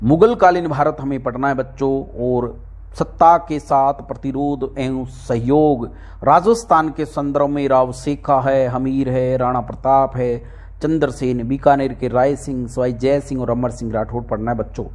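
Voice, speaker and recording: A man's voice: mid-range voice, steady tone, moderate pace, a little mellow. A middle-aged male teacher walks students through a textbook index chapter by chapter, calling them his dear children and repeating each point for emphasis. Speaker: exam-prep teacher.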